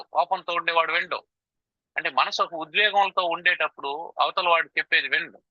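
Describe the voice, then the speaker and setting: A man giving a spiritual lecture on scripture, explaining with rhetorical questions and chanting verses slowly. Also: on the high side, pushed and bright, dry recording, lo-fi sound. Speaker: spiritual teacher.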